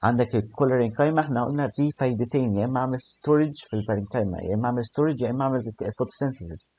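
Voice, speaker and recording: A man's voice: mid-range voice, rapid-fire, warm tone. A young man with an Egyptian accent, teaching in a casual recorded lesson that mixes in many English terms and often checks in with listeners. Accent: Egyptian Arabic. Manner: explains in colloquial speech full of English terms, with restarts and check-ins.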